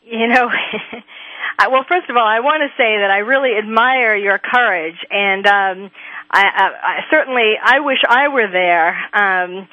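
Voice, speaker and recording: A woman's voice: medium pitch, unhurried, dry recording. A woman hosting a radio talk show, asking hesitant, stumbling questions full of fillers. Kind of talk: phone interview. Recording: dry tinny phone line.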